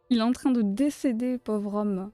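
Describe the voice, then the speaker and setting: A woman's voice: a little high, mellow, no echo. Chatty woman with a south-west French accent. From south-west France. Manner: chatty, playful, laughs often while answering chat. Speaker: crochet live streamer. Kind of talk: casual live-stream chat while crocheting.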